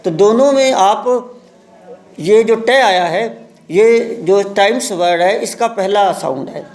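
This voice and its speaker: A male English teacher giving a live class lesson, reading English lines slowly word by word and explaining pronunciation. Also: high voice, animated, darkish tone. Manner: reads English aloud very slowly, word by word, then explains in Hindi.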